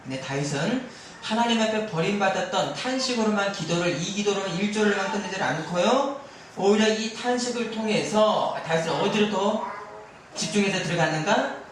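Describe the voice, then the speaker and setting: A man's voice: high voice, normal speed, slight background noise. A male pastor preaching a sermon, pressing his points with rhetorical questions and calls for amen. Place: church sanctuary during afternoon service. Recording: very echoey hall, mic far off.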